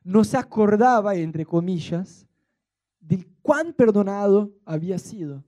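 A man's voice: sits high, animated, unhurried, dark tone. A man with an Argentine accent preaching a sermon in a playful, colloquial way, mixing jokes into his teaching. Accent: Argentine Spanish.

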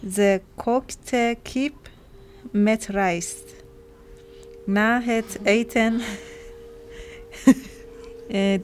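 A woman reading a children's story aloud in a halting, giggly way. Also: medium pitch, a little hiss or hum.

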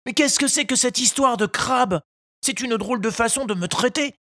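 A man's voice: normal speed, pushed and bright, dry recording, clean studio sound, full character voice. A man voicing a small wooden puppet boy who sounds anxious and indignant. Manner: high, pleading, indignant.

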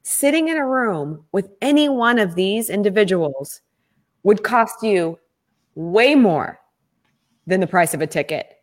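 A woman's voice: medium pitch, expressive, a little slow. A woman co-hosting a casual talk show, speaking earnestly and persuasively about giving and an upcoming event. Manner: earnest, persuasive, sales-minded. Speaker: podcast co-host. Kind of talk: casual promotional chat.

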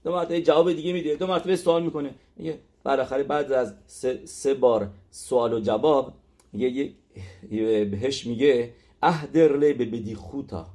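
A man's voice: mid-range voice, steady tone, dark tone. A man teaching a religious text lesson, explaining step by step with frequent hesitations and fillers.

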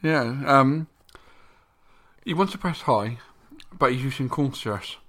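A man's voice: mid-range voice, animated, slow, a bit bright. A man co-hosting a podcast, chatting casually with dry humour and many ums. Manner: dry humour, filler-heavy. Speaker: podcast co-host. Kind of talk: casual chat.

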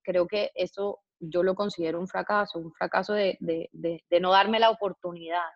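A woman who is a public figure answers interview questions in a reflective, hesitant way, speaking slowly and thoughtfully with many fillers and restarts. Her voice is lowish and fairly even, and the recording sounds dry and muffled.

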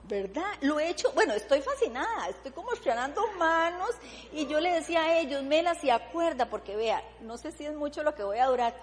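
Earnest high-voiced woman in an echoing hall. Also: expressive, a little fast, slight background noise. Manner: earnest, emotional, often tags "¿verdad?". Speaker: church member giving testimony. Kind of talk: personal faith testimony.

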